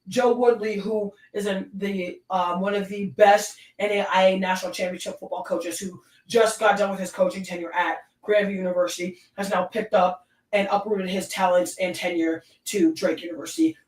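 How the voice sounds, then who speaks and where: A woman with a Southern accent hosting her own sports talk stream, ranting with emphatic, animated delivery. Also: mid-range voice, normal speed, reverberant, distant mic, low-quality recording. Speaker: sports show host.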